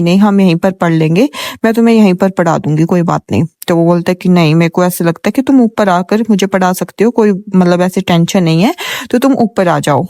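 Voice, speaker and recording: A woman's voice: medium pitch, warm tone, dry recording, clean studio sound. A young woman casually retelling a romance drama, chatty and full of fillers, reading out the characters' lines in her own voice. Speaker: story recap narrator.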